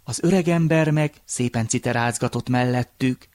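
A man narrating a folk tale in a measured, unhurried way. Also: mid-range voice, very noisy. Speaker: storyteller.

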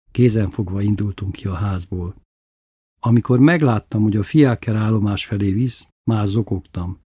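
A man reading a childhood memoir aloud as narrator, in a subdued, intimate storytelling manner with a husky voice. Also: fairly low pitch, dark tone, no echo, studio quality.

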